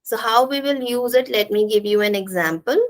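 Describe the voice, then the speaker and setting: A woman teaching an English pronunciation lesson, repeating example sentences with deliberate, exaggerated stress. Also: a little high.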